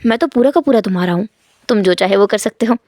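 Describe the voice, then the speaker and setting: A woman voicing a tender, devoted young husband who speaks gently and low, in a read-aloud fanfiction story. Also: fast, dry recording, lightly acted.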